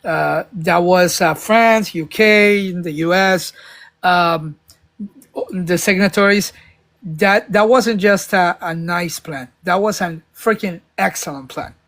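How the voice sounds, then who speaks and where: With a high, fairly bright voice, a man speaks slowly as a panel speaker in a casual live political discussion. His argument rambles, punctuated by frequent stumbles and restarts and occasional emphasis.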